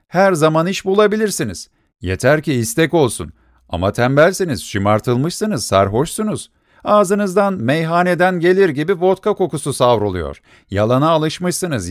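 A man's voice: fairly high pitch, no room sound, studio quality, voice pushed up, close to an everyday voice. A man voicing an indignant male lawyer who scolds a beggar.

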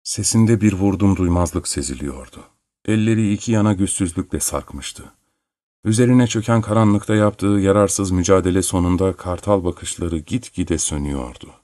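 A man narrating a literary story in a measured, solemn reading. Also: deep voice, dark tone, no echo, studio quality. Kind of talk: scripted audiobook narration.

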